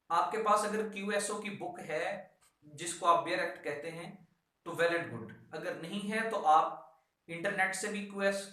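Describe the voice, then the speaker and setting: Speaking in a high, sharp-toned voice, this Pakistani-accented man lectures exam students on law, stressing and repeating key instructions while dropping in English terms. The setting is an echoey room with a whiteboard, captured on a distant mic in very echoey acoustics.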